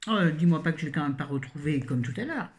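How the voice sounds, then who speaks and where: A woman's voice: deep voice, lively intonation, fast. A middle-aged woman from France talks through her latest reads in a loose, casual way. She rambles, restarts her sentences and throws in little jokes as she goes. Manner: chatty, rambling, self-correcting, jokey asides. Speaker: book reviewer. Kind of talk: casual book review chat.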